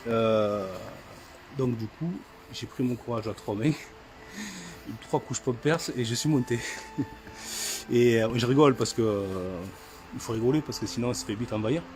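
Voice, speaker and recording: A middle-aged man narrates a ghost hunt as he walks through an old house, talking into the camera he holds. His pitch sits in the middle, and he hesitates and repeats words as he goes. A faint hiss of noise runs under his voice. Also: normal speed, darkish tone. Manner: hesitant, repeats himself often. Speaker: paranormal investigator. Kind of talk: casual vlog narration. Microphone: handheld camera.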